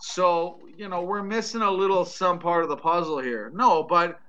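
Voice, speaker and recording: A man's voice: sits high, normal speed, dull audio, background noise. A Canadian man chatting casually on a podcast, hesitant and full of ums and restarts, but blunt and profane.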